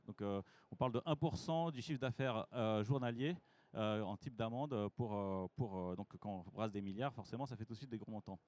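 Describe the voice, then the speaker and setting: A technical director giving a conference masterclass. He speaks in an informal, lively way and asks the audience questions. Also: on the low side, moderate pace.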